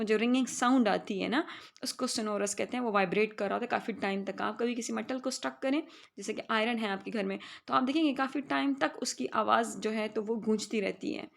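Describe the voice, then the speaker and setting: A woman with a Pakistani accent teaching a chemistry revision lesson, explaining terms patiently and reading English definitions slowly, often checking with her students. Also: on the high side, creaky. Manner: explains in Hindi-Urdu, reads English definitions slowly, checks with "theek hai".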